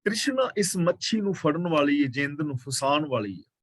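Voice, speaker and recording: Male preacher with a Punjabi accent, fairly high voice, slowly chanted verses then plain explanation, dry close recording. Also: sing-song, a bit bright, dry recording. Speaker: katha preacher. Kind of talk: scriptural exposition.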